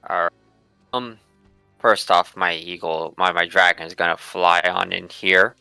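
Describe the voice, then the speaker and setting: A man's voice: low-pitched, fairly even intonation, measured pace, gravelly, sharp tone, clear, resonant tone, no echo, soft background music. A man talking casually through his moves as a player in a tabletop game.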